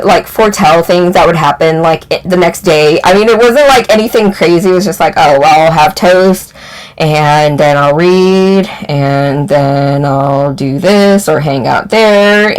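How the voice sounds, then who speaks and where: A woman's voice: lowish voice, rough recording. A woman vlogger telling a personal story in a rambling, casual way, full of "like" fillers and swearing.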